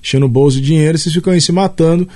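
A man's voice: on the high side, very fast, warm tone. A man from Minas Gerais, a comedian guest in casual chat, his Minas Gerais accent mixed with São Paulo. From Minas Gerais, Brazil.

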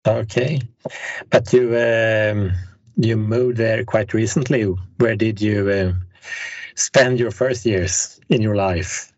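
Male host, low raspy voice, measured questions, dead-dry lo-fi recording. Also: fairly even intonation, darkish tone, no echo. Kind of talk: interview questions.

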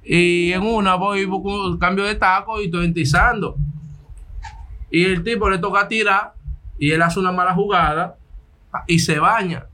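High bright man telling a story. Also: normal speed. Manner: animated, laughs through his story. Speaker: podcast guest. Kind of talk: casual storytelling.

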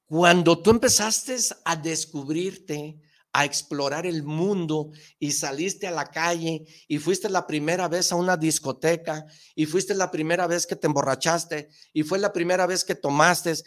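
Excitable man preaching motivation. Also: fairly high pitch. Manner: emphatic and excitable, rhetorical questions, slangy. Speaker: motivational show host. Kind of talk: motivational talk.

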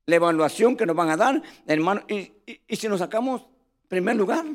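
A man's voice: sits high, expressive, brisk. A man preaching a sermon, telling stories animatedly and calling his listeners brothers.

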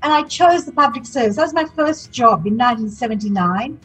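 A woman in her sixties, from Sri Lanka, tells her story as a podcast guest with a lively, candid manner. Her voice is somewhat husky and pitched a bit high, with faint music underneath. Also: brisk, rough recording. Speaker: city councillor, guest. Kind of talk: podcast interview.

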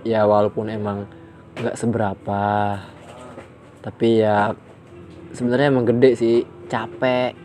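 A man's voice: fairly low pitch, flat delivery, a little slow, pauses often, mellow, faint music behind. Slangy young man rambling his story. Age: young adult. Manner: rambling, slangy, self-mocking. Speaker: vlogger telling his life story. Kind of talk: casual storytelling in Jakarta slang.

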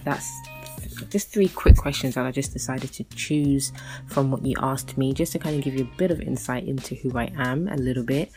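Warm and rumbling low, this voice belongs to a woman in her thirties running a podcast on her own. Her talk is casual and wandering, thick with fillers and false starts.

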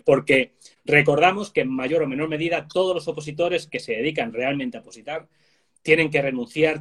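A man's voice: on the high side, a bit bright, breathy edge. A man hosting an interview, asking long, encouraging questions. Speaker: interviewer, host. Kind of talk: conversational interview.

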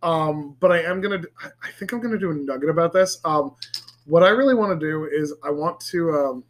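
A man co-hosting a casual podcast chat with friends, animated and profane, rambling through tangents with lots of fillers. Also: brisk, a little hiss or hum. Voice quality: animated, swears freely, goes high and shrill when laughing. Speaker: podcast co-host. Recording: several people chatting around one mic.

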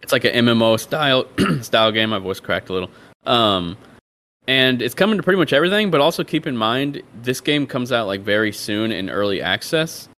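A man hosts a relaxed podcast chat in an upbeat, teasing way. His voice sits at an ordinary middle pitch. He moves briskly from one topic to the next. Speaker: podcast host. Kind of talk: casual panel chat.

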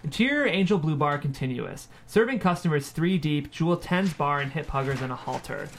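This man, whose voice sits somewhat high, handles the narration at a screenplay table read, voicing the scene headings and stage directions. He sounds brisk and gravelly, with lively intonation.

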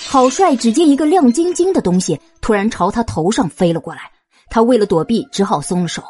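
A woman with a husky voice narrating a suspense audio drama in an expressive storytelling manner. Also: on the high side, brisk, soft background music.

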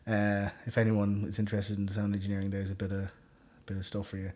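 A man in his early thirties speaks in a fairly low voice with a west of Ireland accent. He chats casually as a solo podcast host, wandering informally from one thought to the next. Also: monotone, fast, a little mellow. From Galway, west of Ireland. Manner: rambling, informal. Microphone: condenser shotgun mic.

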